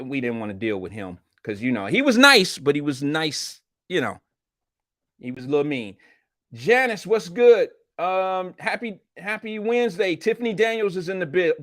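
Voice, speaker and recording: A man's voice: on the high side, no echo, studio quality. A man hosting a casual live show, chatting with viewers in blunt, slangy, profane talk while wearing a retainer in his mouth. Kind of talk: casual livestream chat reading viewer comments.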